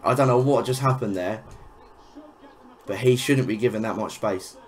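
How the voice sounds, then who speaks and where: A man's voice: fairly low pitch, normal speed. A young man giving casual, frustrated gameplay commentary, swearing and exclaiming over each goal. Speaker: gaming YouTuber.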